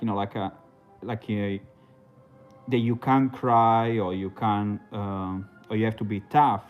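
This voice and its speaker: A man's voice: medium pitch, muffled recording. A man from Italy, talking casually on a livestream in a hesitant, rambling way full of fillers and restarts. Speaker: livestream host.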